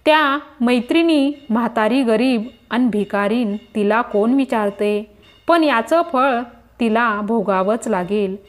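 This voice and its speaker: A woman voicing an angry poor old woman who scolds with bitter reproach in a devotional tale. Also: on the high side.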